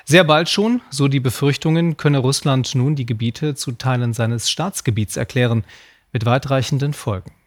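A man presents the evening news from the studio desk. He reads his scripted copy with measured emphasis, clear and composed. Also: medium pitch. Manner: measured, emphatic anchor delivery. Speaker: news anchor.

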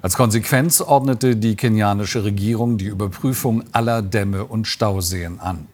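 Guy reading the news, lowish voice, steady and measured. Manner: even, measured delivery. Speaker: newsreader. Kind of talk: read radio news bulletin.

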